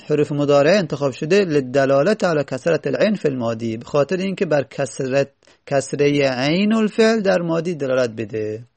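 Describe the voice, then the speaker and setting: A male teacher lectures a class, reading lines from a grammar text and then patiently explaining each in plain words, often posing rhetorical questions. His voice is on the high side, creaky and darkish, with no echo.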